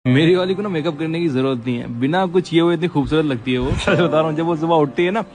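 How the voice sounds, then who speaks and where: A fast, chatty man telling a funny story about his girlfriend. His voice sits a little high for a man. He teases and then goes soft and tender for the sweet lines. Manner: teasing, chatty, swings into soft tender voice for quotes.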